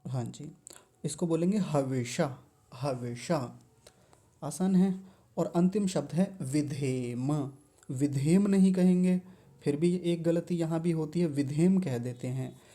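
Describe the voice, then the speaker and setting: A man teaching careful pronunciation of chanted verses, patiently explaining and repeating each word slowly syllable by syllable. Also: a little high, mellow. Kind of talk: slow, careful pronunciation lesson.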